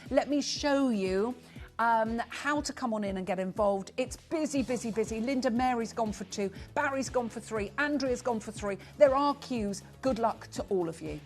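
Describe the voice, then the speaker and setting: A woman's voice: a little high, darkish tone. Upbeat woman in her sixties selling live. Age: 60s. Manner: chatty, rapid roll-call of buyers, upbeat urgency. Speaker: shopping channel presenter. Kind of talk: live TV sales pitch.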